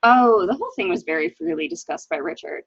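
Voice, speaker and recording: On a dull home recording, a woman on library staff reads a dramatic mystery, voicing an anxious, hesitant new widow who recounts her husband's misdeeds. Her husky, fairly low voice is expressive and quick, earnest and bitter, with no echo.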